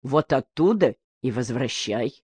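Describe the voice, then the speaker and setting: This is an agitated old fishing brigade leader who argues with his crew in loud exclamations, as a woman reads him in an audiobook. The voice sits a little higher and louder than the narration. The sound is dry, with no room echo. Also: lively intonation, measured pace, breathy edge, full character voice. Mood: heated.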